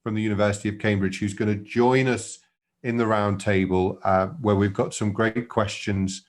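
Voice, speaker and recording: A man moderating an online seminar, upbeat and quick to praise, with frequent fillers. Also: lowish voice, fairly even intonation. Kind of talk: webinar hosting. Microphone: video call.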